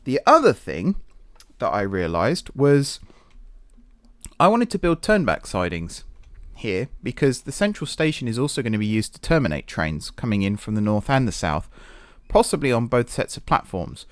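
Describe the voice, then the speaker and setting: A man's voice: medium pitch, sing-song, normal speed. A man giving casual gameplay commentary, thinking aloud in a self-deprecating way, recorded in an echoey, sparsely furnished office. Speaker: gaming video host. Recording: echoey room with little furniture.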